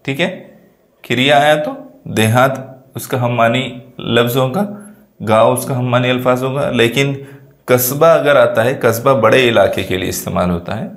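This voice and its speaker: A male teacher, explaining a vocabulary lesson in a patient classroom manner and lifting his pitch to stress key points. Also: a bit bright, echoey room.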